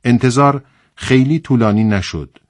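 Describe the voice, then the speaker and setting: A man reading a book passage aloud on a radio program, with calm, measured storytelling. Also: medium pitch, no echo, clean studio sound.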